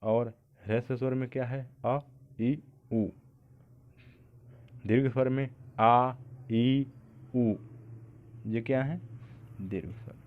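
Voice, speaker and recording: A man teaching an exam-prep grammar lesson. He asks questions and answers them himself, repeating the key points. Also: mid-range voice. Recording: tinny lo-fi phone-like sound.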